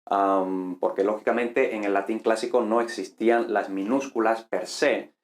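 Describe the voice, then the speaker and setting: A man from teaching a casual online Latin lesson, explaining step by step with fillers and quick tag questions. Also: fairly low pitch, steady tone, reverberant.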